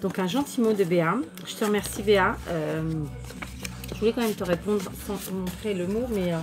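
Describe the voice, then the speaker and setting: A woman's voice: medium pitch, normal speed. A woman chatting casually to her viewers while unpacking crafting mail, full of fillers and restarts. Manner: chatty, many fillers and restarts, warm thanks. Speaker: crafting YouTuber. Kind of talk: casual chat showing mail and purchases.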